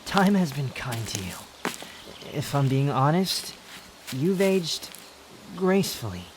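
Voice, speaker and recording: A youthful, immortal male wanderer played by a man with a fairly high voice and a haughty, sardonic bite. He scolds and teases theatrically, as in an intimate roleplay audio drama, over steady outdoor nature sounds with insects. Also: slow pace, noisy background. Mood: grudgingly tender.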